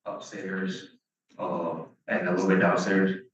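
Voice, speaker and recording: A man testifying as a witness in court, giving short, quiet answers. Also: deep voice, level tone, unhurried, recorded from a distance, noisy background. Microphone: courtroom mic away from him. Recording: dull, roomy court recording from afar.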